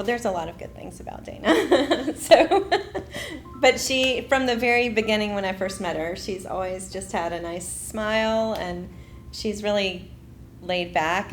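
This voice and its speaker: A woman's voice: mid-range voice, lively intonation, normal speed, soft background music. A woman in an interview speaking fondly of her partner, laughing now and then. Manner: warm, laughing between words.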